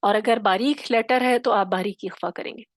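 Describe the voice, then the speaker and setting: A woman's voice: mid-range voice, brisk, no room sound. A woman teaching Quran recitation online, who explains patiently step by step and keeps checking in with her students. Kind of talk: online tajweed class.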